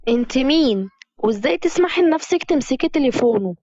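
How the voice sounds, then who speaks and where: A jealous young woman throws accusations in a raised, higher voice, as a woman narrator plays her. The sound is dry and slightly muffled. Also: lively intonation, brisk, mellow, no echo. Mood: shocked. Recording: dull, dry recording.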